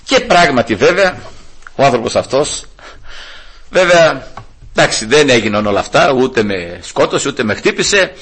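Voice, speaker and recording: Animated husky preacher in his sixties. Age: 60s. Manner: animated preaching, swinging between hushed lows and raised highs. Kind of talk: sermon.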